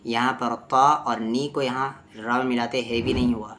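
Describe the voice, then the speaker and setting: A man teaching tajweed. He explains letter sounds and recites slowly, phrase by phrase, for his student to repeat. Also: medium pitch, level tone, fairly bright tone. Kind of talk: tajweed lesson with repeat-after-me drills.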